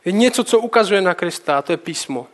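A man's voice: high-pitched, animated. A man preaching a sermon, reading Bible verses aloud and breaking off into casual, colloquial commentary. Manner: reads scripture, then comments casually.

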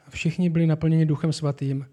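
Male preacher, high voice, earnest sermon delivery that builds to animated emphasis.

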